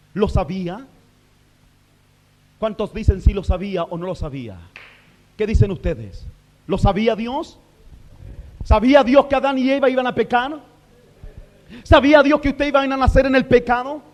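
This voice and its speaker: A male minister preaching a fervent sermon to a congregation in a church, shifting between quiet passages and shouted declarations, with rhetorical questions to the listeners. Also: high-pitched, moderate pace, pauses often.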